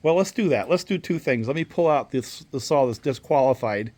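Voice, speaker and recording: A man's voice: mid-range voice, animated, brisk, a little mellow. A man chatting and bantering casually and unscripted as a hobbyist co-host. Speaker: fellow chainsaw hobbyist and co-host.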